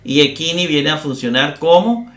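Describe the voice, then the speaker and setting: A man's voice: fairly high pitch, lively intonation, a bit bright. Echoey middle-aged man teaching grammar. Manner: explains slowly with many "eh" fillers and tag questions. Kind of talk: recorded lecture.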